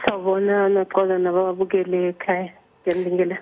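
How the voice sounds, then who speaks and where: A man's voice: high voice, monotone, fast talker, a little hiss or hum. A man with a Zulu accent giving a hesitant interview as a spokesperson over a phone line, often repeating the starts of words. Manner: hesitant, repeats word beginnings. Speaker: emergency services spokesperson. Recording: tinny narrow-band phone line.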